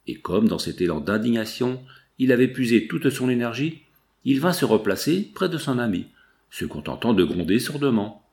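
A man narrating a classic novel as an audiobook, in a measured storytelling manner. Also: mid-range voice, very animated, darkish tone. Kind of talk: scripted literary narration.

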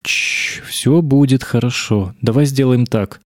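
A man voicing a male lecturer who speaks gently and quietly, calming a distressed girl. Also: medium pitch, unhurried, no echo, studio quality, lightly acted. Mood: soothing. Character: male lecturer, soothing then strangely intent.

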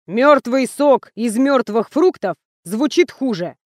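A stiff corporate representative speaks in a formal, deadpan way, as a woman narrator plays him. The voice stays high and the recording dry. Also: slow, no room sound. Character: stiff man in suit, company rep.

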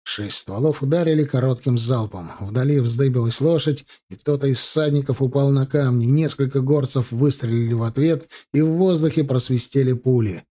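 A man narrating an audiobook in a measured, even way. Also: medium pitch.

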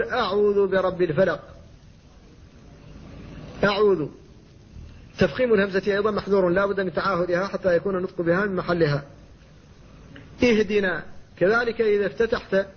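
A middle-aged man with a Mauritanian Arabic accent, teaching Quran recitation with slow, careful demonstrations of pronunciation. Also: sits high, slightly rough, dull audio. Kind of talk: explanatory lesson on tajweed.

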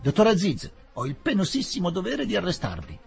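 A man voicing a nervous police inspector with a shrill, high, overly formal voice. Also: huge pitch swings, brisk, creaky, husky, full character voice. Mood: anxious.

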